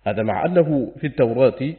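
A man reading a classical book aloud as an audiobook reader, in a steady, formal reading voice. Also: mid-range voice, fast. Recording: tinny phone-like lo-fi sound.

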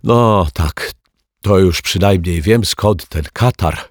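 A calm grown-up detective nursing a head cold, tossing off short, amused answers, as a man reading a storybook acts him out. His voice stays low and husky, recorded close and dry. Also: takes it slowly, dry recording. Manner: brief, offhand replies.

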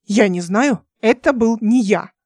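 A woman's voice: mid-range voice, a little slow, darkish tone, no echo, clean studio sound. A woman reading an audiobook voices a young male captain who speaks in a clipped, insistent way. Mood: tense.

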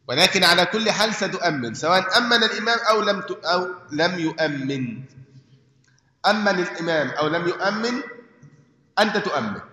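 A man's voice: high-pitched, bright, forceful tone. A man with an Egyptian accent teaching a religious lesson, explaining by asking and answering his own questions and checking that listeners follow. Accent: Egyptian Arabic. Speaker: sheikh teaching a hadith book. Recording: echoey hall, dull lo-fi sound.

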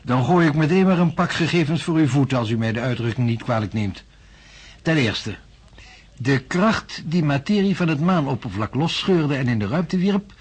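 In a radio drama, an actor plays a self-assured, skeptical male physics professor who lectures pompously. His voice is husky and mid-range.

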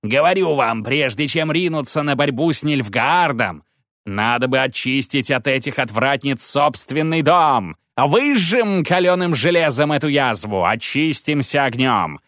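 A man's voice: mid-range voice, expressive, a bit bright, dry recording, studio quality, voice pushed up. A man doing a ranting zealot priest. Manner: declaiming, drawn-out preaching tirade. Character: fanatical ranting male priest, gaunt and zealous. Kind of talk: audiobook character voice.

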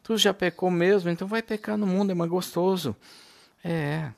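Gravelly-voiced impassioned male preacher. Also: sits high, moderate pace, no echo. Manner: impassioned, swinging from loud to hushed; calls listeners brothers, laughs between points. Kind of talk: informal home sermon.

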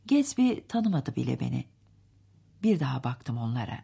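A woman reading a novel aloud as an audiobook narrator, measured and unhurried. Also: a bass voice, sing-song, gravelly, dark tone, breathy edge.

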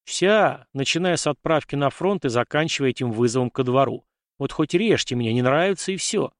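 A man voicing an irritable, sharp-tongued young nobleman who speaks bluntly, in a storybook reading. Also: medium pitch, expressive, no echo, studio quality, lightly acted. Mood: indignant. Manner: blunt, quick to snap.

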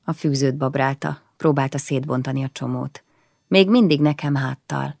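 A woman reading a novel aloud in the first person, quiet and introspective. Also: extremely low pitch, steady tone, creaky, no echo, clean studio sound. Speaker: audiobook narrator.

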